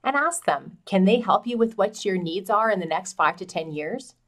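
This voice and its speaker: A woman's voice: medium pitch, lively intonation, moderate pace, fairly bright tone. A middle-aged woman giving direct, encouraging advice as a farm transition specialist, talking to camera in a small office. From Canada. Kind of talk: educational talk to camera.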